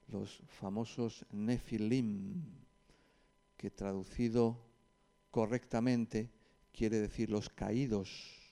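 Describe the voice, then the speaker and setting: Speaking in a lowish, creaky voice with a dark tone, a man with a Spanish accent addresses a group. His lecture is informal and conversational, full of hesitant pauses and asides.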